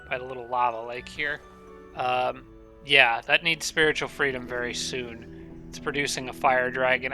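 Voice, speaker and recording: Thinking out loud as he plays a strategy game, this man rambles casually, correcting himself and starting over. His voice is mid-range and sharp, with a slight rasp and nasal quality from allergies.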